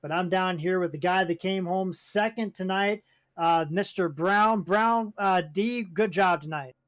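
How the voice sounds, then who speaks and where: A male pit reporter whose questions ramble and double back on themselves. His voice sits high for a man, and the recording is dry and close. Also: a little slow, fairly bright tone, dry recording. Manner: rambling, self-correcting questions. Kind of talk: post-race interview.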